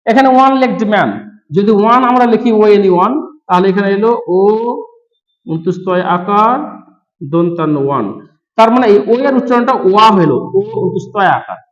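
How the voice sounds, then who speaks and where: A man teaching grammar with a high voice, explaining each rule slowly and repeating it step by step. His voice rings in an echoey room, and the recording sounds dull and muffled. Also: lively intonation. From West Bengal, India. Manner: slow, repetitive step-by-step explaining. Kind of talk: explaining grammar rules to students.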